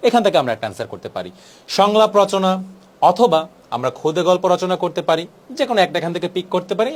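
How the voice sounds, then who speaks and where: Young guy tutoring for exams, kinda high voice, talks persuasive and mixes in english words. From Bangladesh. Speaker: exam tutor. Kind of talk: exam-prep lesson.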